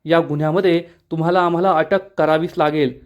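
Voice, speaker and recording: Police inspector, formal and commanding, read by a high-voiced man, lo-fi. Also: steady tone, fast talker, close to an everyday voice. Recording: dull lo-fi recording.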